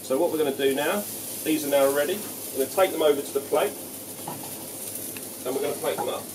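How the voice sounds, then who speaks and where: Chef explaining a dish in a noisy kitchen. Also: male voice, fairly high pitch, fast. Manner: relaxed, explanatory, frequent "um" and "okay". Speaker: head chef. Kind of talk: cooking demonstration. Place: large restaurant kitchen. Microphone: camera mic from a few feet away. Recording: echoey kitchen, distant mic, loud kitchen noise. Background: sizzling pans and kitchen clatter.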